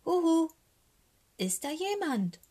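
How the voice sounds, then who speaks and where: Socke, a woman doing a squeaky little raven. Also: normal speed, breathy edge, exaggerated voice. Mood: timid. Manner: high, squeaky and excitable. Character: cheeky small boy raven, bold yet easily scared. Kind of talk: storybook reading.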